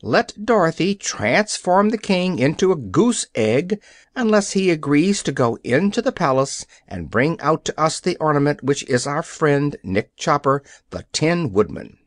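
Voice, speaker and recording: A man voicing a cheerful male scarecrow in a storybook, self-assured and a little higher than his own voice. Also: big pitch swings, a little slow, no room sound, studio quality. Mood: confident.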